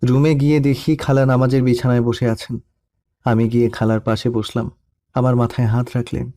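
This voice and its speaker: A young man narrating a first-person love story in a soft, melancholy storytelling manner. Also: mid-range voice, flat delivery, normal speed. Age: young adult.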